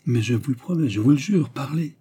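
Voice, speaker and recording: Brief: an enraged, scheming countess pleading for her verdict, raised high and loud, read by a man, dark and husky underneath. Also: lively intonation, normal speed. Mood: frantic. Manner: shrill, pleading outbursts. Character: furious scheming imprisoned countess, woman.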